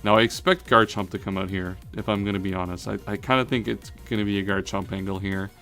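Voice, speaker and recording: A man's voice: fairly low pitch, steady tone, quick pace, a bit bright, faint music behind. A man giving thinking-aloud commentary on a competitive battle, analytical and often correcting himself mid-sentence. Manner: analytical, self-correcting, frequent "um" and "uh".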